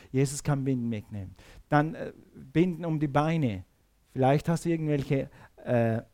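A man preaching a sermon, shifting between quiet talk and loud calls. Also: mid-range voice.

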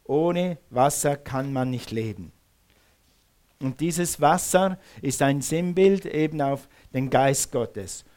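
A man's voice: on the high side, a little mellow. A male pastor preaching a sermon in a church hall, calling on the congregation to repeat words back to him. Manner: engages the congregation with call-and-response; uses some Swiss words.

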